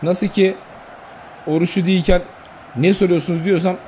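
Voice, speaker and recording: A man giving excitable live commentary on his football video game, shouting at players and swearing when plays go wrong. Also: sits high, normal speed, slight background noise. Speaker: gaming YouTuber.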